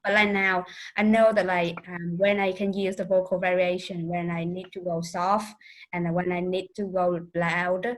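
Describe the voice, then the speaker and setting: A speech club member reflects casually on a video call, picked up through the call's microphone. Her fairly low voice stays level at a normal speed, and she sounds hesitant, using many fillers.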